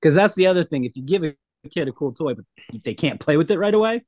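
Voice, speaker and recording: Chill podcast dude telling a story, kinda hesitant, dry mic. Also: male voice, on the high side, animated, quick pace, darkish tone, no room sound. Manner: laid-back storytelling with hesitations. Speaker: podcast co-host. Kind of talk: casual chat.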